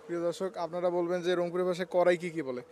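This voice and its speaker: A man from Rangpur with a Rangpur Bengali accent, running a quick, teasing casual street interview outdoors. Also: high-pitched, monotone, darkish tone, slight background noise. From Rangpur, Bangladesh. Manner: quick, teasing, laughs often.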